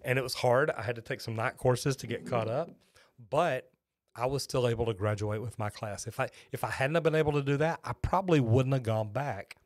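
A brisk, folksy Texan in his 50s, a master plumber, rambles through a live-stream chat with viewers and often restarts his thoughts. He talks into a close-up boom-arm microphone in a small home studio with shelves, and the sound is completely dry.

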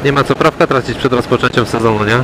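A man talks casually through a helmet mic as he rides through city traffic. His pitch sits in a middling range, and his remarks on other drivers are relaxed and wry. Road and engine noise come through clearly behind him. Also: fast. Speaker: motovlogger. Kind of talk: casual commentary while riding. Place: riding a motorcycle on city roads outdoors.

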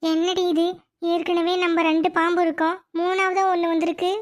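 A woman's voice: very high-pitched, level tone, brisk, no echo, studio quality. A woman voicing a blunt, grumbling snake-woman aunt in a cartoon.

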